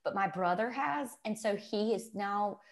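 Woman, middle-aged, Mississippi Southern accent, average pitch, casual storyteller, emphatic, conversational. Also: measured pace. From Mississippi, United States. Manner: animated, emphatic, quotes herself and others. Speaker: guest.

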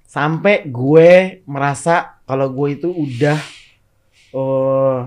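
A man's voice: medium pitch, steady tone, slow pace, darkish tone. A young man chatting casually as a guest, complaining dramatically and sounding exasperated. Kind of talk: casual comedic chat.

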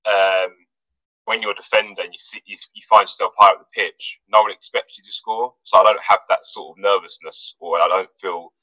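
A man with a lowish voice, a footballer from England, speaks a little fast in an easygoing interview, hesitant and prone to fillers and restarts. The recording lacks room sound and is low in quality.

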